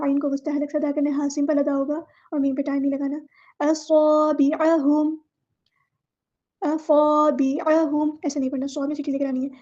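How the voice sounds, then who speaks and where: High-voiced woman teaching tajweed slowly. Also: warm tone, highs cut off. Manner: patient, explains each letter then recites slowly. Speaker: Quran recitation teacher. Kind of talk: word-by-word tajweed lesson.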